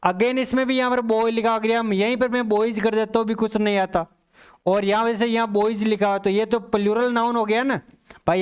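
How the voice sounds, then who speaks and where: Guy teaching english for exams, high clear voice, goes over each answer step by step. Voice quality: reads English example sentences slowly and deliberately. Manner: explains step by step, repeats points, addresses listeners as bhai. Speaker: English teacher for exam prep. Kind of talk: exam-prep lesson explaining answers.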